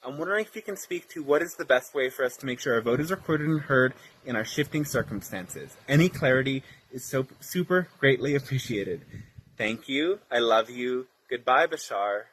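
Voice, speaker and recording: A man's voice: mid-range voice, lively intonation, moderate pace, a bit bright, slight background noise. A man from Pennsylvania politely and earnestly reading out a prepared question. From Pennsylvania, United States. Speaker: viewer with a recorded question.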